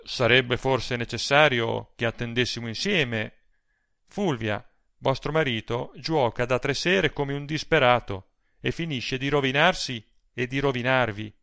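A male reader voicing an aging gallant gentleman in an audiobook, ironic and emphatic. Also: mid-range voice, measured pace, gravelly, no echo, clean studio sound. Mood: pointed.

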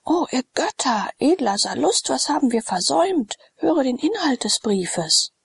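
A woman's voice: mid-range voice, moderate pace, vocal fry, slightly rough, dry recording. A woman reading the part of a loyal, cautious freedman who earnestly advises his master.

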